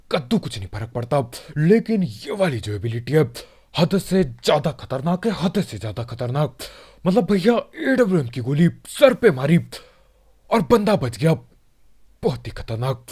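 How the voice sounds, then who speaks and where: A man gives a chatty gameplay commentary, joking and speaking straight to his viewers. His voice sits a little high, swings widely in pitch and has a mellow, soft tone. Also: very animated, moderate pace. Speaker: gaming channel host. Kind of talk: casual gameplay commentary voice-over.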